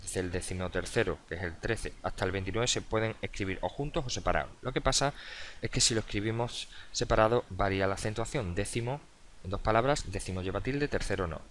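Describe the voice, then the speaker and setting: A man with a fairly low voice teaches a video lesson, explaining step by step. He asks questions and answers them himself, with fillers and self-corrections along the way. A faint noise sits under the recording. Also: a little fast, fairly bright tone. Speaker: adult education teacher. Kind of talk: video tutorial lecture.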